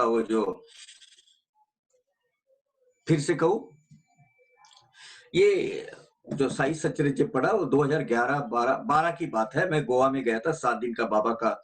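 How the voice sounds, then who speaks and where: A man's voice: medium pitch, lively intonation, measured pace, long pauses. A man giving an earnest devotional discourse, explaining scripture and telling stories, mixing in English phrases.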